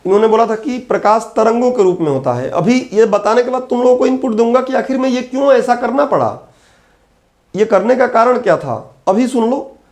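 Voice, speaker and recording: A man's voice: very high-pitched, animated, fairly quick, a little mellow. A man teaching an exam-prep physics lecture, patiently repeating key terms and answering his own questions.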